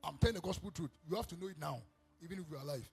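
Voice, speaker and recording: A man preaching, telling a parable in an emphatic, animated sermon. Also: fairly high pitch, very fast, gravelly. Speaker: apostle preacher. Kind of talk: sermon storytelling.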